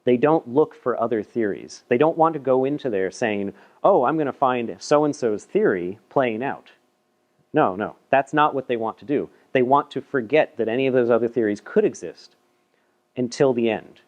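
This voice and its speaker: Guy presenting a paper at a meetup, chatty and a bit self-deprecating, mid pitch, stumbles and repeats himself now and then. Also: moderate pace, darkish tone, dull audio. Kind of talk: casual technical talk. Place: meetup room.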